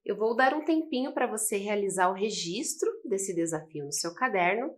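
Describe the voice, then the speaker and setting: A woman teacher with a Brazilian Portuguese accent, giving a recorded school lesson and explaining slowly and patiently, checking in with the viewer often. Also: medium pitch, animated. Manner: slow, patient explaining with frequent "né?" and "ok?".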